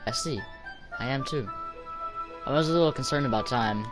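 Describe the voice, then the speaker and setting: Shy schoolgirl, soft-spoken, hesitant, quiet, read by a man, visual novel, music behind. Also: medium pitch, normal speed, natural voice. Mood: gentle. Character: shy soft-spoken teenage girl, polite. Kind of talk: reading visual novel dialogue aloud. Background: background game music.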